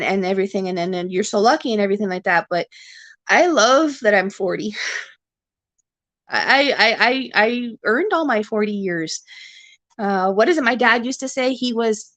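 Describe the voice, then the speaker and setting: Speaking in a mid-range voice, this livestream host, a Canadian woman in her forties, rambles casually to her viewers, full of fillers and restarts. She uses a webcam or phone microphone, and the recording is dry.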